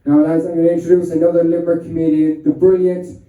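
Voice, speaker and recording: A man's voice: a little high, level tone, quick pace, mellow, dull audio. An Irish man working as MC, telling crude, laid-back jokes and introducing the next comedian. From Ireland. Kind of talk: stand-up comedy and introducing acts. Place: pub stage with live audience. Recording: echoey pub from a distant mic.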